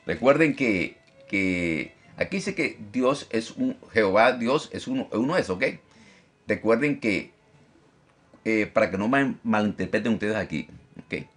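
A man teaching a Bible study as pastor, animated, often repeating phrases and checking in with his listeners. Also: measured pace. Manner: lively, animated teacher who mimics critics in a high mocking voice. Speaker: pastor teaching a discipleship class.

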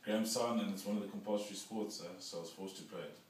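A man's voice: lowish voice, fairly even intonation, quick pace. A young man with a South African accent, chatting casually as an interview guest. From Johannesburg, South Africa. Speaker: guest, amateur rugby player. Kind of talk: casual chat. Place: living room, indoors. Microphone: far camera. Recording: very echoey room, distant, noisy.

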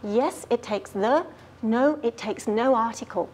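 A woman playing an earnest lady grammar detective who explains rules clearly and patiently. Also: fairly high pitch, unhurried, darkish tone, a little hiss or hum, natural voice. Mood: explaining. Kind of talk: scripted grammar lesson skit.

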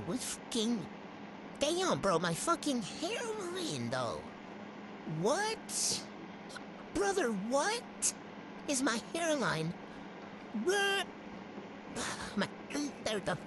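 A young gamer talking through a voice changer, rambling excitably and swearing while playing, with a cold and hiccups. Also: medium pitch, takes it slowly, long pauses. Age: student. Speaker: gamer vlogger. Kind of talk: casual gameplay commentary. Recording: loud background noise.

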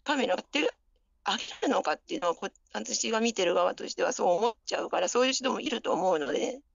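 A woman with a husky, gravelly whiskey voice, explaining herself haltingly in a casual call. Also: medium pitch, lively intonation, no room sound. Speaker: caller, stream viewer. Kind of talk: casual phone chat, hesitant explaining. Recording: slightly dull, lo-fi call audio.

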